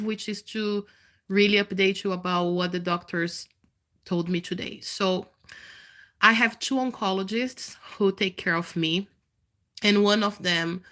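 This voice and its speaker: A woman's voice: medium pitch, fairly bright tone. A woman in her thirties with a nasal, congested voice, chatting candidly to viewers in a live video update. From Canada. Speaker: vlogger.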